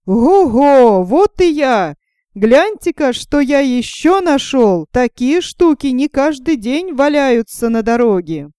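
A brash, cheerful young simpleton from a storybook shouts his boasts in a raised, ringing voice, put on by a woman reading aloud. His tone stays smooth and mellow even at full volume, recorded close and dry. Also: sits high, slow, dry recording, pitched above the performer's own voice. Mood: boastful.

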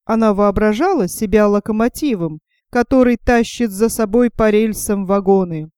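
A woman narrating a fairy tale in a lively, expressive reading. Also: medium pitch, normal speed, clear, resonant tone, no room sound, clean studio sound.

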